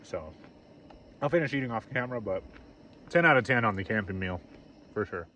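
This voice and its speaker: Low-pitched man vlogging outdoors, casual. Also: animated, brisk, bright, forceful tone. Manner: informal, talking through what he is doing. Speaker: camping vlogger. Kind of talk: casual chat to camera while cooking and camping. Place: outdoors at a campsite. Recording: noisy outdoor ambience.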